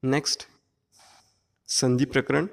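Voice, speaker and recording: A male teacher giving an exam-prep grammar lesson, explaining slowly and drawing out each sound one at a time. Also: mid-range voice, level tone, vocal fry, big-room sound.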